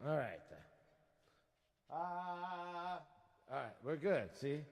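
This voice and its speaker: A man's voice: a little high, animated, drawn-out words, long reverb tail. A man hosting a casual music livestream from his home studio, rambling and joking about himself as he sets up. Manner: rambling, self-joking and chatty. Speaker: singer-songwriter livestream host.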